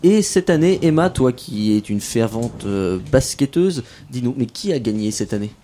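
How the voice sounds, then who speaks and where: A man hosting a casual local radio show, playful and self-mocking, gently drawing out the young guests. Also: medium pitch, expressive, normal speed, a little hiss or hum. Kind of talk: casual radio chat with children.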